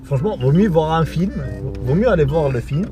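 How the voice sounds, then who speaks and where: A man's voice: fairly high pitch, lively intonation, brisk, over music. A man talking casually and drunkenly, rambling through a film recap in repetitive, sweary slang and losing his thread. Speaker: video host.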